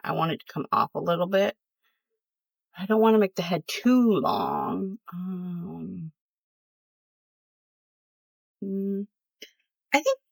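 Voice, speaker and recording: Rambling woman with a low voice. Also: gravelly, no room sound. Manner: rambling, many fillers and self-corrections. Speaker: crochet vlogger. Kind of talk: casual chat. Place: at home.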